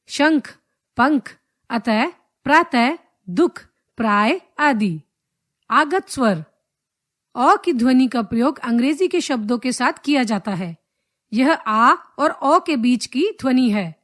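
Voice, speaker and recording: A woman teacher reading a grammar lesson in a measured way, drawing out each letter and example. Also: sits high. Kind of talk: slow scripted grammar lesson.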